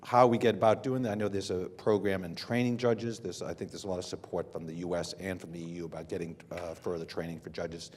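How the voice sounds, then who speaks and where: An American man speaking on a business conference panel, unscripted and measured, with frequent fillers and restarts. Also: low voice, steady tone, darkish tone. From United States. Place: hotel conference room.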